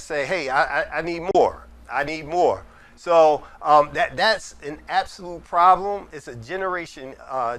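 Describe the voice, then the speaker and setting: A man's voice: a little high, sharp tone. A middle-aged man answering an audience question in a mosque hall, earnest and advising, often repeating phrases for emphasis. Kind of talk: community Q&A talk.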